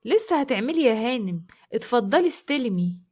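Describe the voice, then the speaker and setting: A woman's voice: on the high side, sing-song, fairly quick, darkish tone. A woman voicing an arrogant, cruel man who orders his wife around, in an Egyptian Arabic accent and a scornful, commanding manner. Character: arrogant cruel young man, domineering husband.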